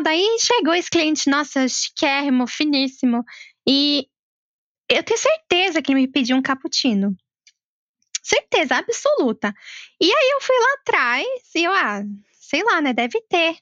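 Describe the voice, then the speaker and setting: A woman's voice: high-pitched, fairly bright tone, no room sound. A young woman with a Brazilian Portuguese accent, telling a story in casual chat with playful exaggeration. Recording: dull dry lo-fi mic.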